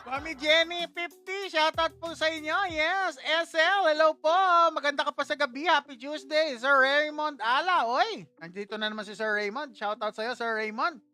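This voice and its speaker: A woman's voice: high-pitched, normal speed, few pauses, sharp tone, faint music behind. A Filipino woman hosting a live stream, chatty and exclaiming as she greets viewers and laughs at her own slips. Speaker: livestream host. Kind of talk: casual live stream shoutouts.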